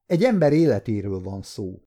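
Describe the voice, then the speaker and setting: A man's voice: fairly low pitch, big pitch swings, mellow. A man voicing a firm, dryly humorous male judge presiding over a trial in an audiobook story. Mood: stern. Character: stern but dry-witted male judge.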